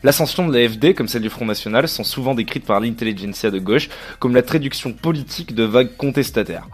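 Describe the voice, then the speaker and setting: A man's voice: medium pitch, quick pace, soft background music. A man from Provence reading a scripted political column in a declamatory way. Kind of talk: read political commentary.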